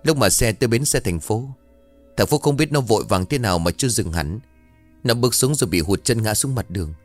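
A man's voice: lowish voice, lively intonation, brisk, soft background music, natural voice. A man voicing a middle-aged bus company owner who brings bad news urgently and earnestly.

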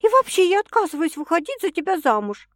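A woman's voice: very high voice, very animated, fast, dry recording, clean studio sound, voice pushed up. A woman reading an audiobook, voicing a stubborn, teasing young woman in an indignant, insistent manner. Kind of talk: audiobook character voice.

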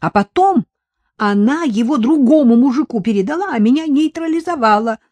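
An audiobook reader voicing a defensive, agitated wife and amateur sleuth in a loud quarrel with her husband. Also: mid-range voice, sing-song, normal speed, no echo, voice pushed up. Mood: heated. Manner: shouting, agitated. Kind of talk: audiobook character voice.

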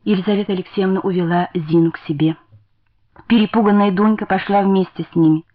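A woman narrating a literary story in a measured, expressive dramatic reading. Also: medium pitch. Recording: muffled lo-fi radio recording.

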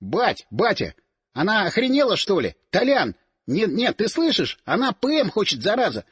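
A man's voice: high voice, animated, brisk, slightly rough, no room sound, studio quality. A man voicing an indignant young man nicknamed Rat, sputtering with outrage in an audiobook.

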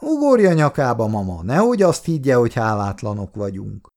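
A mild middle-aged father, as a male reader voices him in a storybook. He talks in a placating, lightly joking way. His gravelly voice moves lively up and down. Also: medium pitch.

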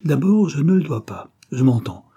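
A man's voice: fairly high pitch, very animated, moderate pace, dark tone, husky, highs cut off, pitched above the performer's own voice, full character voice. A man reading an audiobook, voicing an insistent, protective old father.

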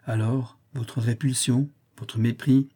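A bitter fallen priest who turns cruel with a jealous menace, as a man reads him aloud. The voice is deep-toned and mellow, husky at the edges, delivered as a storybook reading. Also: steady tone, slow pace. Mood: threatening. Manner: cold, threatening, then pleading. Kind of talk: audiobook character reading.

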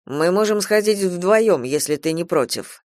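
A woman's voice: fairly low pitch, animated, darkish tone, dry recording. A woman voicing an anxious, weary father who speaks firmly and reassures in a hurry, in an audiobook. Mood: urgent. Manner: firm, hurried reassurance. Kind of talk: audiobook character voice.

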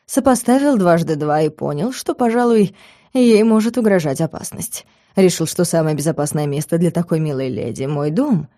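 A woman reading an audiobook, voicing a composed male academy rector who speaks in a measured, formal way. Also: on the low side, dark tone, dry recording, clean studio sound, lightly acted. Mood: calm, explaining. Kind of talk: audiobook character voice.

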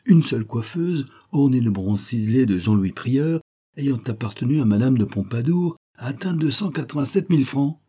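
A man voicing a chatty male neighbor who excitedly reads out the news. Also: mid-range voice, moderate pace, slightly rough, pitched above the performer's own voice. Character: gossipy male shopkeeper neighbor.

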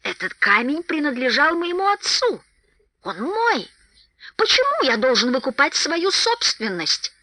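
A woman voicing a proud, wrathful male dwarf king who shouts and growls harshly in an audiobook. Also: high voice, very animated, unhurried, no echo, voice pushed up, full character voice. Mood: enraged shouting.

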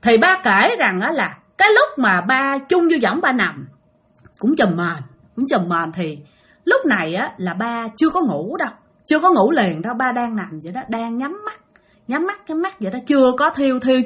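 High-voiced woman telling a ghost story. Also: very animated, moderate pace, a bit bright, slightly rough. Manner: chatty, addresses listeners directly.

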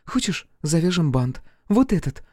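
A man's voice: fairly high pitch, sing-song, normal speed, warm tone, dry recording, clean studio sound, voice pushed up. Man playing a teasing young shopgirl. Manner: mocking, playful. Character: teasing young woman shop seller.

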